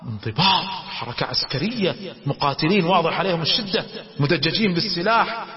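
A man telling religious history as a lecture, dramatic and animated. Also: a little high, brisk. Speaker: religious storyteller. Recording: dull recording with long reverb.

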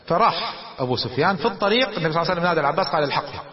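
A man telling religious history as a lecture, dramatic and animated. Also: a little high, racing, a crowd in the background. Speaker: religious storyteller. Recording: dull recording with long reverb.

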